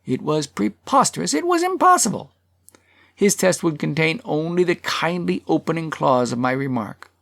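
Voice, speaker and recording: A man's voice: fairly high pitch, moderate pace, gravelly, dry recording, studio quality, voice pushed up. A man voicing a self-righteous male townsman who defends himself in an earnest, persuasive public speech in a storybook reading. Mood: pleading.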